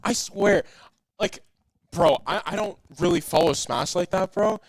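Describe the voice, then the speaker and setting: A young man doing excitable, casual color commentary on an esports match, saying "bro" a lot and laughing often. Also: sits high, measured pace, no echo.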